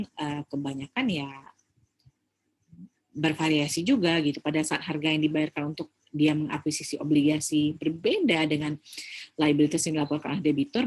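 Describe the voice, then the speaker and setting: A woman with an Indonesian accent, an accounting lecturer, gives an informal recorded lecture in a low voice with a breathy edge. She explains things step by step, mixes in English terms, and often adds checking tags.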